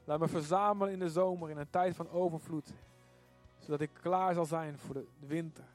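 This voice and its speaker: A man preaching a sermon and leading a congregation in prayer, urgent and fervent, swinging from loud pleas to near whispers. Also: a little high, fairly even intonation, normal speed, faint music behind. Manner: urgent, rising to fervent shouted prayer then dropping to murmurs. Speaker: pastor.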